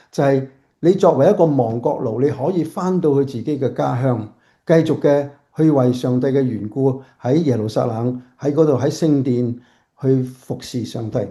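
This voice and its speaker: Male pastor preaching at home, deep mellow tone, halting delivery with restarts. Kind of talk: sermon.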